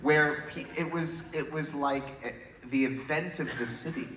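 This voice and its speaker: A man's voice: on the high side, moderate pace. A man with a Liverpool accent chatting and joking on a convention panel, swearing casually. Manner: jokey, lively, swears casually. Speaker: panel guest. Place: large convention hall. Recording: echoey hall, crowd, noise, far mic.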